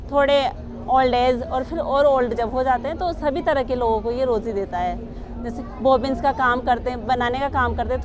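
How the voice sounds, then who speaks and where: A woman in her thirties, a weaver from a weaving village near Kota, explaining her craft earnestly with pauses and fillers at a craft fair stall, recorded by a camera a few metres away. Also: a little high. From Kaithoon, Rajasthan, India. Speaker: Kota Doria weaver and artisan. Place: indoor craft fair stall with saris on display.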